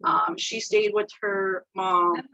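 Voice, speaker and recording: A woman's voice: medium pitch, expressive, slow, sharp tone, no echo, highs cut off. A woman giving an informal spoken eulogy at a memorial gathering, chatty, acting out quoted dialogue, laughing often. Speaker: family friend giving a remembrance.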